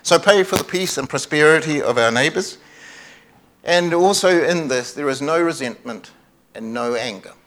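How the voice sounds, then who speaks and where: A man's voice: fairly high pitch, normal speed, fairly bright tone. A man preaching a sermon at a microphone, earnest, repeating key phrases for emphasis and often restarting his sentences. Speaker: pastor.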